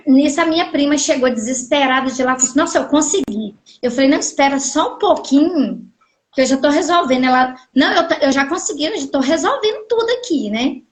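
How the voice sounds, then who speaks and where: Woman from Goiás, middle-aged, high-pitched, animated storyteller, roomy live-stream sound. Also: a little fast. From Goiás, Brazil. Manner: animated, acts out quoted dialogue. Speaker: guest telling her story. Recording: echoey room audio from a live stream.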